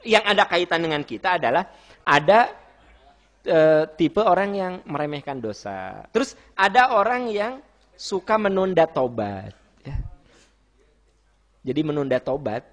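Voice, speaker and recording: A middle-aged man preaching with a Sundanese accent, teasing his listeners and acting out little family scenes, then dropping to a soft gentle tone for advice. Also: fairly high pitch, sing-song, a little slow, pauses often. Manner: playful, teasing, acts out wife and husband in quoted voices. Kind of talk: lively sermon to a congregation.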